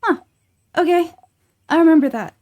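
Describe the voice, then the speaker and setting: A woman voicing a cheerful, energetic little kid adventurer from a game, talking in a chatty, earnest way. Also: very high voice, normal speed, voice pushed up. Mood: eager.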